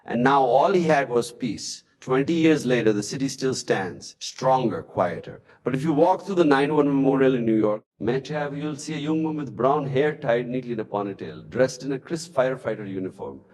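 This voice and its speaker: A man's voice: mid-range voice, animated, normal speed, few pauses, a little mellow. Solemn male story narrator. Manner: solemn, dramatic. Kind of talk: scripted emotional story narration. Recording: long hall reverb.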